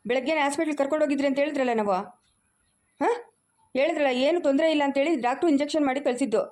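An angry son, played by a woman, harshly defending his mother in a family drama, with a Chikkaballapur Kannada accent. The voice is high and the threats come quick. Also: darkish tone, natural voice.

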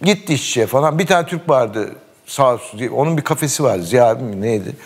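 A man's voice: mid-range voice, lively intonation, a little fast, husky. A middle-aged man in casual talk, telling a long funny story, acting out the dialogue and laughing often. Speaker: sports commentator guest.

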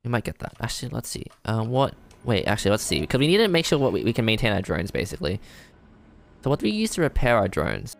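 A man giving casual let's-play commentary, thinking aloud, excitable and self-deprecating as he works things out. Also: lowish voice, fast, gravelly. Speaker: gamer playing a strategy game. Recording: faint game music behind.

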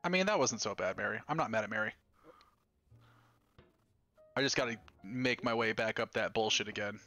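A man live-streaming a game, chatting casually with viewers, profane and excitable. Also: lowish voice, moderate pace, faint music behind. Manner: profane, excitable, talks to chat. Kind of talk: casual live gameplay chat.

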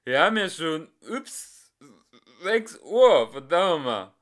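A man voicing a drunken, boastful male minstrel in a storybook reading, shouting and blustering with sloppy, slurred speech. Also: on the high side, very animated, slow, voice pushed up, heavily acted. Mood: loud. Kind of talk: audiobook character voice.

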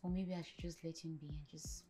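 An actress playing a frustrated young wife with a Nigerian accent, talking emphatically. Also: female voice, low-pitched, little pitch movement, a little fast, warm tone, soft background music, lightly acted. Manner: exasperated, emphatic.

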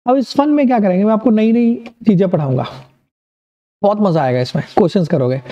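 A man's voice: sits high, brisk, warm tone, lo-fi sound. A man with an Indian accent teaching an online maths lesson, upbeat and encouraging, asking questions and answering them himself.

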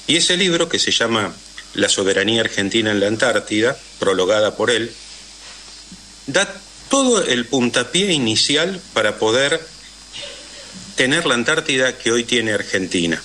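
A man's voice: mid-range voice, big pitch swings, moderate pace, sharp tone, slight background noise. A man with a Rioplatense Spanish accent, a guest in a radio interview, telling historical stories with frequent "eh" and "este" fillers.

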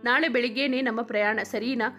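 Lady reading a shy playful young girl, kinda high, soft music under. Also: fairly even intonation, quick pace, close to an everyday voice. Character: sweet shy devoted young woman.

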